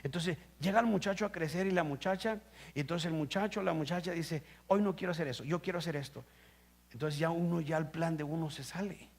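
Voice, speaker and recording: A male pastor delivering a sermon in a high-pitched, gravelly voice. He pushes up into loud, emphatic passages, then drops low and quiet, and keeps turning to the congregation with questions. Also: brisk. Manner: preaching with rising emphatic bursts and rhetorical questions. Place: church. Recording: live stream.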